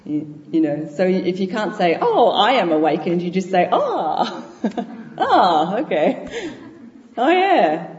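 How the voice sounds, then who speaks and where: A yoga teacher speaks to a class in a studio, unhurried and explaining with frequent laughter. The voice sits in the middle range and comes from far across an echoey room, with a dull, muffled recording and a long reverb tail. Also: mid-range voice, darkish tone. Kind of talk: talk to a live class. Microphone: far from the mic.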